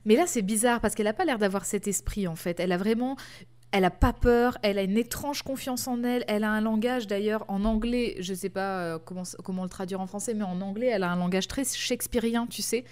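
A woman's voice: mid-range voice, a little fast, a little mellow. A woman co-hosting a casual chat, explaining a comic series with many fillers and restarts. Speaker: podcast co-host.

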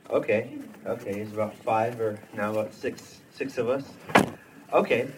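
A man preaches in a relaxed, joking way, quizzing the crowd as he goes. His voice rings with a big hall echo and sounds a little set back from the mic. Faint noise sits under it. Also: medium pitch, distant mic. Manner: joking, conversational, asks the room questions. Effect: big hall reverb echo on the voice. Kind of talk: casual sermon to a live audience.

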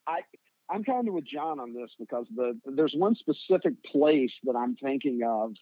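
A man's voice: mid-range voice, expressive, normal speed, dry recording, phone-quality sound. A man with a Kentucky accent telling casual, humorous stories as a podcast guest, self-deprecating and folksy, swearing freely. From Kentucky, United States.

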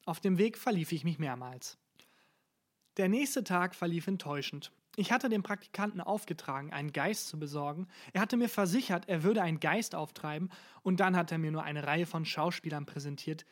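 A narrator reads a dark satirical first-person story aloud. The delivery is dry and deadpan, letting each grim line land flatly. The voice sits at a middle pitch. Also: moderate pace.

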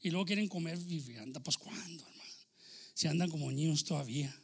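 A pastor delivers a sermon in a gravelly, fairly high voice. He is a man who swings from ringing exclamations down to quiet asides, slipping the odd English phrase into his preaching. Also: fast talker.

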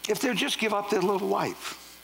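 A man's voice: sits high, moderate pace, creaky, a bit bright, a little hiss or hum, low-quality recording. A man preaching a sermon, firing rhetorical questions and casual asides at his congregation. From Louisiana. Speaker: pastor.

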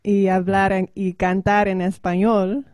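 A Dutch woman, here as a guest singer, speaks careful learner's Spanish in short, halting phrases, pausing to translate and laughing often in between. Her medium-pitched voice is flat, a little slow, and darkish, captured in a dry, studio-quality recording.

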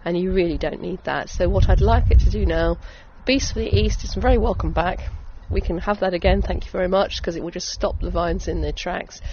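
Speaking briskly with hardly any pauses, a middle-aged woman from Essex talks enthusiastically about her vineyard in a casual interview. Her southern English accent comes through a voice on the low side and a little mellow, though the lo-fi recording sounds dull and has background noise.

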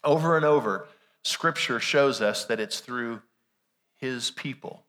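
A pastor preaches a Sunday sermon conversationally, posing rhetorical questions in an unhurried, medium-pitched, slightly bright voice that sounds weak and strained from illness. The service takes place in a large church room, and the recording carries reverberant hall sound.

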